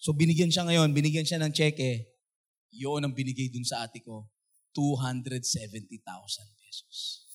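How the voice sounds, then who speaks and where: A man with a Filipino accent, a pastor giving a sermon testimony, storytelling in an animated way and acting out the voices of the people in the story. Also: medium pitch, a little slow. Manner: animated, acts out quoted voices, laughs at own jokes.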